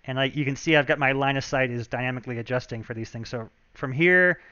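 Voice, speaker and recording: Man, game developer streaming live, chatty, thinks out loud with fillers; crisp, bright tone, dry close sound, a touch lo-fi. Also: medium pitch, fast, dry recording. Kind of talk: casual live-stream walkthrough.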